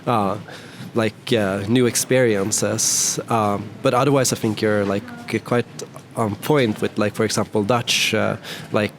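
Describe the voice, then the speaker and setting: A man whose first language is Swedish hosts a conversational interview in a casual style, sprinkling in many "you know"s and "right"s. His voice is on the low side and steady, unhurried with few pauses, and faint background noise can be heard.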